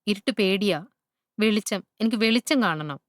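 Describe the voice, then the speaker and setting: A gentle, sad-eyed slow loris in a storybook asks soft questions in a low, dry voice, as a woman narrator plays it. It stays close to her plain reading tone. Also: no room sound, natural voice. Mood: fearful.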